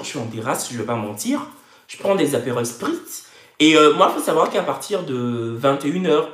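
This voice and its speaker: A woman, hosting a live stream and ranting to her viewers in a mocking, theatrical way. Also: on the low side. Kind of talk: animated live-stream rant. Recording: echoey room.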